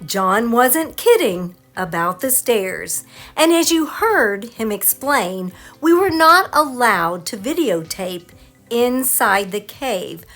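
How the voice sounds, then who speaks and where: A woman narrates a travel video at a slow, deliberate pace. Her higher-pitched voice moves animatedly through each phrase, with faint music underneath. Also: expressive, a bit bright.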